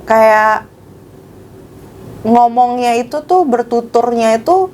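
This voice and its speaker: A woman's voice: on the high side, expressive, slow pace, a little mellow, a little hiss or hum. A young woman, a pageant titleholder, chatting casually as a guest, giggling often and filling her talk with little fillers. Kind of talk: casual chat.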